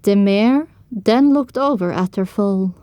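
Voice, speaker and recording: A woman reads scripted first-person narration for a story in a middle-range pitch. She speaks slowly with a warm tone. The sound is dry, with no room sound to it.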